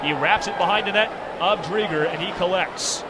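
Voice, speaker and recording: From high above an arena's rink, a radio announcer delivers live ice hockey play-by-play in clipped, present-tense calls that build to excitement at big moments. He has a high voice and a moderate pace. The audio is very noisy.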